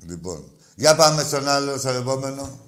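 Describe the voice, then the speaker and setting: Loudmouth guy hosting sports call-in radio, roasts the callers, yells then mutters. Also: mid-range voice, lively intonation. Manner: mocking and insulting callers, shouting in bursts; wide swings between loud outbursts and muttered asides. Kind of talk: rowdy call-in radio banter.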